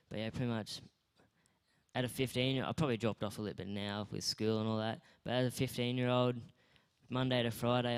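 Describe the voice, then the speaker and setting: A man's voice: mid-range voice, clean tone. A young Australian man being interviewed on stage at a school awards night, talking in a modest, laid-back, rambling way. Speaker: guest athlete.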